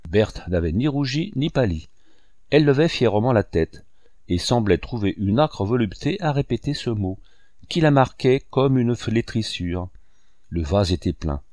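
A man narrating a novel in an expressive reading style. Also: medium pitch, moderate pace, dry recording, clean studio sound. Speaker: audiobook narrator.

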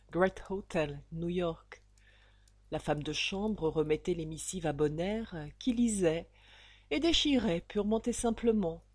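A woman narrates a novel slowly and theatrically, her husky voice recorded close and dry. She takes her time over each phrase and gives it a dramatic reading. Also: mid-range voice, a little mellow, no echo. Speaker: audiobook narrator.

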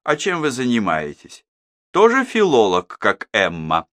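A man's voice: medium pitch, wildly swooping pitch, unhurried, a bit bright, no echo, clean studio sound. A man voicing a stern, commanding old mother who rules the family table.

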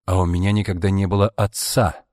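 A man voicing a calm clipped young son. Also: low-pitched, a little fast, no room sound, clean studio sound, long reverb tail, lightly acted. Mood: tense. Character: cool-headed young adult son.

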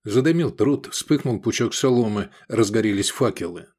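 A man's voice: on the low side, normal speed. A man narrating an adventure novel aloud as an audiobook, switching into voices for the characters. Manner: lively storytelling, voices the characters. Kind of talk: scripted narration.

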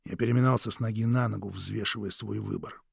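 A man narrating a first-person audiobook in a measured, steady reading. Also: on the low side, vocal fry, slightly rough, no room sound, studio quality.

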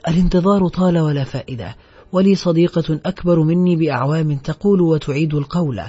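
A worn-out young woman who speaks weakly and with deep sorrow, as a male narrator reads her. The voice is husky and mellow, and it comes through a dull, lo-fi recording. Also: fast. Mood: sorrowful. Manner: weak, sorrowful speech. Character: tired, beaten young woman, sad and weak. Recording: dull lo-fi audiobook track.

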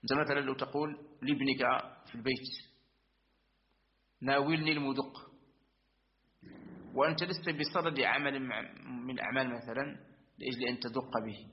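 A man's voice: medium pitch, fairly even intonation. Man teaching grammar on a dull recording. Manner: methodical, repeats and affirms with frequent asides; recites verse lines slowly. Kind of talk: religious-school lesson explaining a verse text.

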